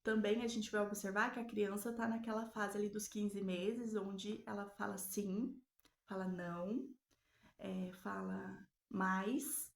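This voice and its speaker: A woman gives a recorded lesson, explaining step by step and often pausing to check in with her audience. Her mid-pitched voice has a gravelly edge, and the room around her sounds echoey. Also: flat delivery. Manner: explanatory, frequent tag questions, drawn-out pauses. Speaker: teacher. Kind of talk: recorded lesson on child development.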